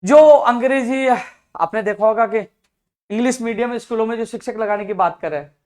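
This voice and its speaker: A man speaking as a youth activist to job seekers, fervent and full of rhetorical questions, swinging from soft lines to loud outbursts. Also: high-pitched, fast talker. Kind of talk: impassioned advocacy video.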